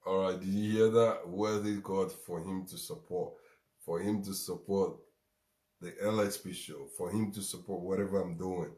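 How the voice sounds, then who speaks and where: A man's voice: sits low, steady tone, normal speed, a little mellow, echoey room. A man with a Ghanaian accent hosting a show, giving a motivational talk and repeating lines for emphasis. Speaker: show host.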